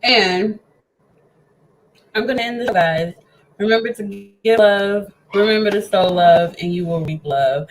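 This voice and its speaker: A woman's voice: mid-range voice, measured pace, slight background noise, low-quality recording. A woman hosting a casual home cooking show, chatting eagerly with her viewers as friends while she eats with her mouth full. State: eating, talking with mouth full.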